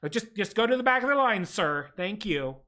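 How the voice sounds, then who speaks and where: A man's voice: high-pitched, animated, brisk, sharp tone, pitched above the performer's own voice. Man doing a curt female desk clerk. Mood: impatient. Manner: curt, officious, bureaucratic politeness.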